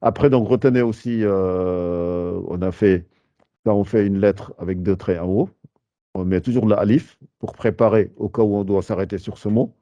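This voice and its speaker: A man explaining a beginner's lesson in a patient, halting way, with frequent fillers and restarts. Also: on the low side, steady tone, dark tone, no room sound, dull audio. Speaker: Arabic teacher.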